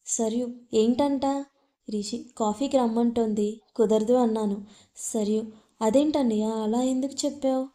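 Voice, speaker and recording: A young woman storyteller with a slightly high, mellow voice reads a serialized love story aloud. She names each character before their line and gives the dialogue only light shifts. Her delivery stays soft and even throughout.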